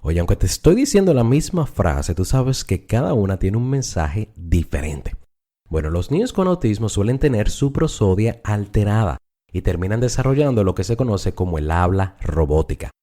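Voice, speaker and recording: A man's voice: fairly low pitch, very animated, moderate pace, dark tone. A man from the Dominican Republic explaining a topic in a lecture style, speaking to the listener directly and repeating words for emphasis. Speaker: neuropsychologist teaching.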